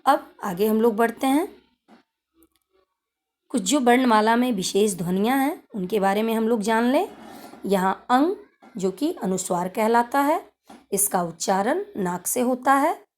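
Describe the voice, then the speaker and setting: Slow, deliberate woman teacher. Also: a little high, expressive. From India. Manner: slow, deliberate, repeats key points. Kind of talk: slow classroom lesson explanation.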